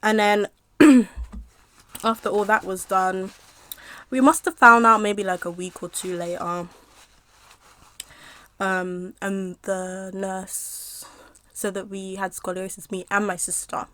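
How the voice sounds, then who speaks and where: A young woman in a casual mukbang storytime, rambling with lots of fillers and pausing to eat as she talks. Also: medium pitch, steady tone, fairly bright tone. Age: young adult. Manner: chatty, rambling with many fillers, pauses to eat. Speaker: mukbang vlogger. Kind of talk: casual storytime while eating.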